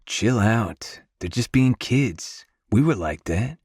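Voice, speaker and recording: An audiobook narrator voicing a relaxed grown man who teases his brother. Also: fairly low pitch, takes it slowly, husky, no room sound, clean studio sound, voice pushed up, full character voice. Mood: easygoing. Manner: easygoing, insistent. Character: laid-back grown brother, teasing.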